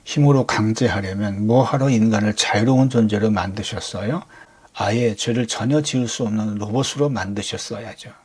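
Low, husky-voiced male preacher. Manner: conversational, full of rhetorical questions. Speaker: pastor. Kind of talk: Sunday sermon.

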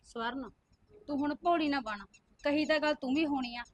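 A woman's voice: high-pitched, moderate pace, no echo, natural voice. An actress playing a domineering, scolding woman who accuses a widow and orders her out. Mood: accusing. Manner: accusing, commanding. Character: harsh scolding sister-in-law, domineering. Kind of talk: village short-film drama.

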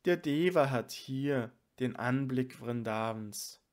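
A man's voice: mid-range voice, slow, natural voice. A man reading as a tearful devoted sage. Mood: reverent, tearful. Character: tearful devoted male sage, overcome with love.

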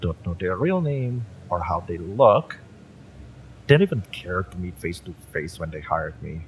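Heavily acted and very animated, a deep-voiced man speaks a little slowly as a fiery, bitter young mercenary in a romance audio roleplay aimed at the listener. He taunts sardonically and impatiently, sighing and swearing, over poor audio with slight background noise.

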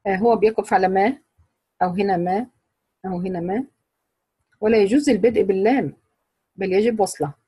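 A woman's voice: medium pitch, brisk, long pauses, mellow, breathy edge, no echo. A woman with an Egyptian Arabic accent teaching Quran recitation rules to a class, explaining patiently and quizzing her students.

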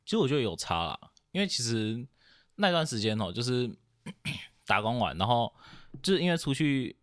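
A man's voice: medium pitch, sing-song, normal speed, no room sound, studio quality. A young man from Taiwan talking casually as a podcast guest, rambling and hesitant, with many fillers and restarts. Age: young adult. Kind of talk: casual chat.

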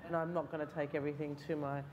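Racing along in a deep, level voice against background noise, a woman in her forties tells candid stories with self-deprecating humour. She lectures in writing, has an Australian accent, and speaks Mauritian Creole or Italian as her first language. The setting is a festival panel discussion, where she sits on stage in a large hall.

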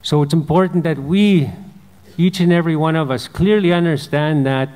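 A man, a mayor giving opening remarks at a symposium, telling a legend in a measured, repetitive storytelling cadence. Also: fairly high pitch, a little mellow, smooth. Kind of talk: storytelling speech. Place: conference hall. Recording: long hall reverb.

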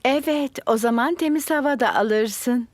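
A woman voicing a practical, caring mother pig in a children's cartoon dub, with loud sound behind her. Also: high voice, normal speed, background noise, lightly acted.

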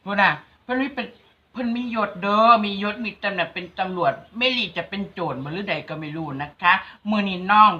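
Animated and a little fast, a mid-range female voice leads a casual cooking vlog. The host speaks with an Isan accent and teases her viewers as she talks right to them, all captured on dull lo-fi audio.

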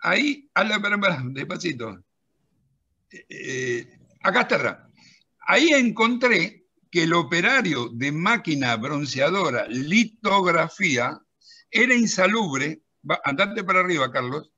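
A middle-aged man with a Rioplatense Spanish accent, animatedly demonstrating software on a video call while telling an anecdote and directing a helper at the screen. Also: high-pitched, lively intonation, normal speed, slightly rough, highs cut off. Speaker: presenter of a pension-law software and magazine.

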